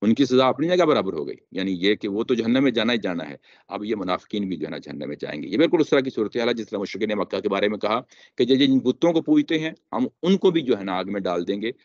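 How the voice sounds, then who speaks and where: A man's voice: lowish voice, lively intonation, quick pace, darkish tone, dry recording. A man explaining scripture in a religious lecture, reciting verses and repeating key phrases for emphasis. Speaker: Quran teacher. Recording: dull dry lo-fi lecture recording.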